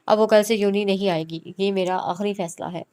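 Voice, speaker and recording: A woman's voice: mid-range voice, steady tone, darkish tone, smooth, natural voice. A woman voicing a bossy, hot-tempered young man in an audiobook reading, with a harsh, scolding delivery. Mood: angry.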